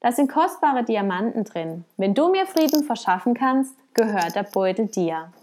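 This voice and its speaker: Wailing rich man in a spoken tale, whiny, desperate, pitched up high, as a woman puts him on. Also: big pitch swings, normal speed, darkish tone. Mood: pleading. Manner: complaining, wailing.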